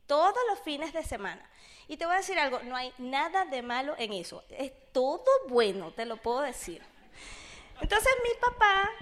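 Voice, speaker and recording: Her voice sits high and sounds fairly bright as she, a Venezuelan woman in her thirties, recounts her own business experience to an audience. The telling is animated and conversational, full of acted-out dialogue and constant "¿sabes?".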